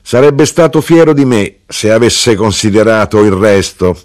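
Reading an audiobook in a clean, echo-free studio, a man with a lowish, darkish voice speaks animatedly at normal speed. Lightly acting and pitching above his own voice, he plays a proud, bossy fifty-year-old mother who is insistent, teasing, self-satisfied and boastful.

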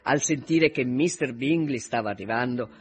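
A man reading a classic novel aloud on the radio in an expressive storytelling manner. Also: mid-range voice, normal speed. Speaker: reader.

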